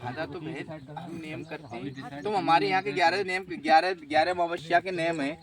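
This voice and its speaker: High-voiced man giving firm spiritual advice. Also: big pitch swings, moderate pace, creaky, crowd noise. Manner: assertive, repeats "guarantee" and checks "ठीक है?". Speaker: faith healer at a shrine. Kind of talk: advising a visitor.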